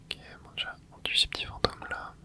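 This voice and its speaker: Speaking a little fast, a gaming ASMR host whispers laid-back commentary over a video game. The tone is soft and breathy, recorded indoors close to the microphone.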